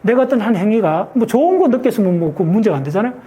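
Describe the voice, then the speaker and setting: A man's voice: sits high, lively intonation, fast, warm tone. A man, a guest scientist explaining his ideas emphatically and often asking rhetorical check-in questions. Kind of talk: explanatory talk on a show.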